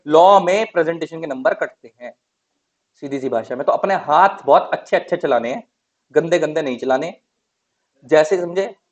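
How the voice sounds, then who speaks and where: In this law class lecture, a man with a fairly high voice talks at a moderate pace, and the recording cuts off the highs. He chats casually, drops English terms into Hindi, and asks questions only to answer them himself.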